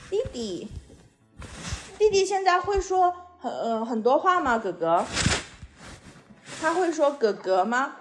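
A woman's voice: high-pitched, big pitch swings, takes it slowly, pauses often, over music. A woman hosting a podcast, chatting playfully with a small child in coaxing, sing-song questions. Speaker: podcast host. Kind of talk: playful chat with a young child.

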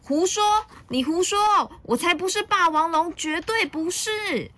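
Little boy dinosaur played by a woman, high squeaky voice, hotheaded, sweet, storybook read-aloud. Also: moderate pace, bright, forceful tone. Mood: upset.

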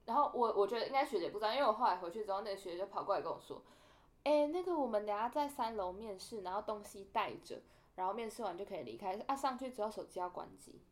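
A young woman tells a story on a casual podcast, talking quickly. She acts out the people she quotes with animated shifts in her voice, which sits in an ordinary middle register. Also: medium pitch. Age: young adult. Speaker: podcast co-host.

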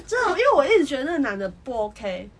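A woman's voice: high-pitched, very animated, very fast. A woman co-hosting a podcast, chatting animatedly and often laughing while telling stories. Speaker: podcast co-host. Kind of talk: casual chat.

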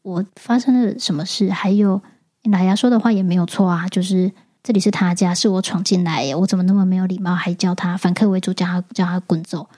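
Animated woman telling a story. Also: lowish voice, a little fast. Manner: animated, stammers and repeats words when retelling fright. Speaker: podcast host. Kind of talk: casual storytelling monologue.

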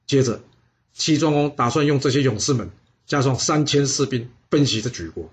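A man narrating a historical story in a lively, dramatic way. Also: medium pitch, normal speed.

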